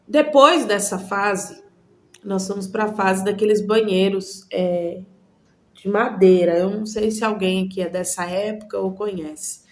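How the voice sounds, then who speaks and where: Woman vlogger from Goiânia, Brazil, earnest personal testimony, measured and paused, mid-pitched. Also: a little mellow.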